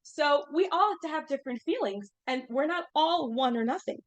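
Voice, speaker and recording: A woman's voice: high-pitched, animated, fairly quick. A woman in her thirties teaching an informal class, chatty and full of fillers, asking the group questions as she goes.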